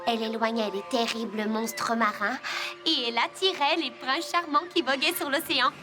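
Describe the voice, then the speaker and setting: A woman's voice: a little high, normal speed, close to an everyday voice. A woman playing a dreamy, enthusiastic little girl telling tales in a children's cartoon. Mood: dreamy, storytelling. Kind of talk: animated children's show acting. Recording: music behind the voice.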